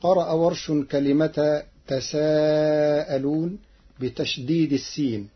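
Slow husky male recitation teacher. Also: fairly high pitch, fairly even intonation. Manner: measured, precise, chants quoted verses slowly. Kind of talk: formal explanatory lesson. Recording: muffled lo-fi recording.

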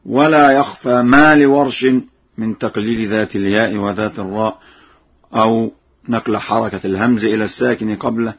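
A man teaching the rules of a Quranic reading tradition in a slow, measured way, pausing to chant the verses melodically as examples. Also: lowish voice, steady tone, husky, dull audio. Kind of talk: lesson on Quranic reading variants with recited examples.

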